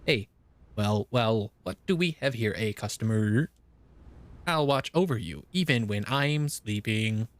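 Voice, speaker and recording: A man putting on a flat robot voice. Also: lowish voice, unhurried. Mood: flat robotic. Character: mock robot voice reading a shopkeeper's line. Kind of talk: live game stream commentary.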